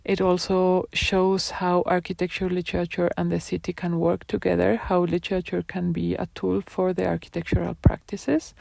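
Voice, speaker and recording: Someone presents their own design projects in a live talk, hesitating often and using many fillers and restarts. The voice is medium-pitched, creaky and somewhat dark in tone, with no echo.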